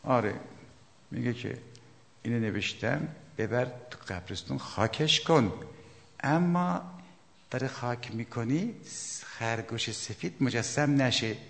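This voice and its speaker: A man preaching a sermon, emphatic, swinging between loud outbursts and hushed asides. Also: mid-range voice, expressive, creaky. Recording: long hall reverb.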